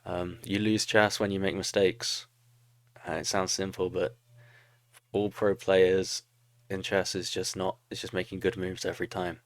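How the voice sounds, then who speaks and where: A man's voice: deep voice, little pitch movement, unhurried, no room sound, clean studio sound. A young man casually commentating his own strategy game replay, thinking aloud and criticizing his own moves with a laugh. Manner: self-critical, talks through moves, laughs at own mistakes.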